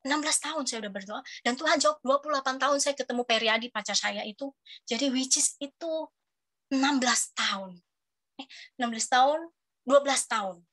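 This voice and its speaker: A youth preacher in her thirties delivers a lively sermon to young people at a brisk pace. Her high voice is bright and forceful, and she stays animated and chatty, repeatedly asking the audience questions to pull them in.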